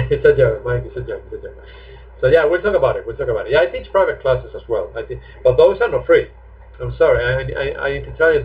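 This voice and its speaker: A man, a chatty, joking English teacher answering students' questions in a live online class. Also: medium pitch. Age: 50s. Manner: chatty and jokey. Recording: tinny phone-like stream audio.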